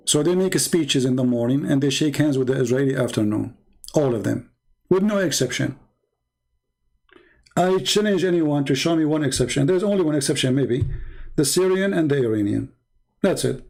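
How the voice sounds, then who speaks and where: A man's voice: mid-range voice, mellow, rough recording. A man from the Middle East giving a sarcastic, mocking polemical monologue as a debater, issuing challenges.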